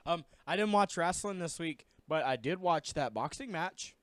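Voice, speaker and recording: A man's voice: on the high side, expressive, moderate pace, no room sound, studio quality. A man co-hosting a casual podcast, bantering in a goofy, joking way. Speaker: podcast co-host. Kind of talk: casual chat.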